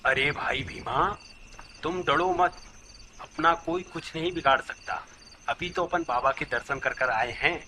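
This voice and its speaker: A man playing a calm, scolding villager. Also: mid-range voice, unhurried, slight background noise. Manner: brushes off fears, scolds his friend.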